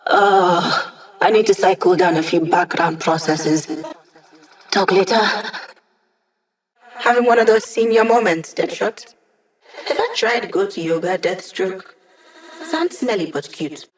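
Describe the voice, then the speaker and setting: A woman's voice: fairly low pitch, expressive, slow pace, pauses often, rough recording. An actress playing a young digital hacker woman in a video game, wry and playful, with casual, teasing tech-geek banter. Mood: exasperated, wry. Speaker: hacker support character guiding a squad. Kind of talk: video game character voice lines.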